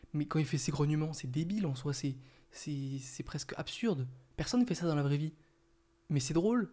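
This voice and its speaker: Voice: mid-range voice, a little mellow. A young adult video reviewer talking in a casual, playful, slangy way.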